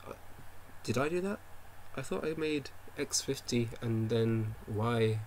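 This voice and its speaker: A man develops a game on stream, thinking aloud while he works, muttering to himself and constantly correcting and second-guessing himself. His medium-pitched, darkish voice has lively intonation and an unhurried pace. The recording is rough, with a little hiss or hum.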